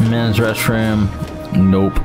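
A male gaming streamer joking his way through a playthrough. His pitch jumps around expressively while his pace stays unhurried. Game music plays behind him. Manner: animated, joking, swears freely. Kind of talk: casual let's-play commentary.

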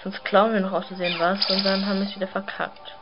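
A woman giving casual gameplay commentary, muttering relaxed asides. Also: mid-range voice, fast. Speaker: let's player. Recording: slightly dull sound, game music behind.

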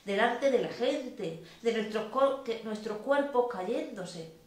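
A woman's voice: on the high side, lively intonation, takes it slowly, recorded from a distance. A woman reading as a flustered aging wife. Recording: very echoey room.

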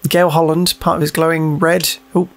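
Playing a horror game on video, this male host keeps up loose, joking, profane commentary, muttering under his breath and reading the on-screen text out loud. He talks at normal speed in a voice on the high side with little pitch movement.

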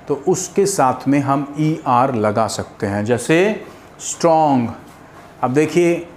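A man teaching an English grammar lesson in Hindi and English with an Indian accent. He slows right down to spell out each English example. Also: medium pitch, slight background noise.

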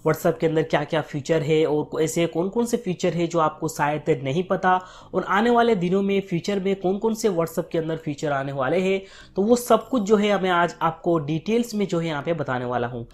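A man's voice: fairly high pitch, moderate pace. A man hosting a casual tech tutorial, talking viewers through phone settings step by step with constant filler phrases. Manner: chatty, leans heavily on fillers like "here" and "what is"; friendly, asks viewers directly for likes. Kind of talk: casual screen-recorded tutorial narration.

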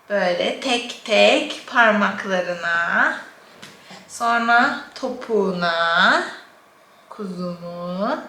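A woman's voice: mid-range voice, pushed and bright. A young woman, a mother, giving a casual hands-on demonstration at home while talking to her baby in affectionate sing-song asides. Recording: roomy echo, faint background noise.

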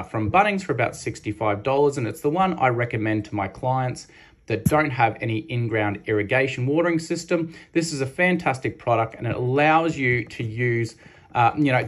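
A man's voice: medium pitch, a bit bright. A man in his thirties with an Australian accent, a lawn care host giving a practical step-by-step voice-over with casual fillers. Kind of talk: instructional voice-over.

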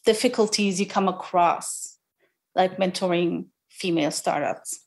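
A woman's voice: on the low side, a little slow. Casual woman podcast host asking questions. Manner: casual, asks questions with fillers and restarts.

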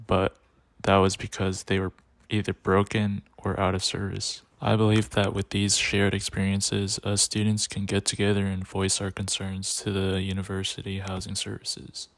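Flat low-voiced young man reading. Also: moderate pace, creaky, no echo. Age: young adult. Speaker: student presenter. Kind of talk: read-aloud class project narration.

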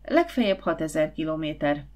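A woman narrator voicing a confident, eager schoolboy who leads his friends in a storybook. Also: low-pitched. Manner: lively, confident, persuasive.

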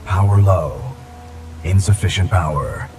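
A deep, worn-out combat robot on low power. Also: male voice. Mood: steady. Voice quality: flat, measured machine delivery. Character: damaged male combat robot, calm and dutiful. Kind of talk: video game dialogue. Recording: distant voice under loud game music.

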